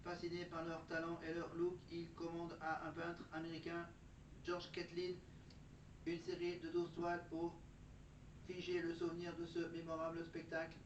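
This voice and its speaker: A man putting on the flat, monotone voice of a chatbot robot while reading out facts, picked up far from the mic in a dull, noisy recording. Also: fairly high pitch, normal speed, reverberant, natural voice. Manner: even, mechanical reading of facts. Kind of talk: factual segment delivered as a robot.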